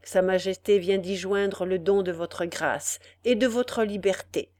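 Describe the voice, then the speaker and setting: A woman's voice: mid-range voice, measured pace, darkish tone, close to an everyday voice. A woman voicing a kindly old general, formal and ceremonious in a storybook reading.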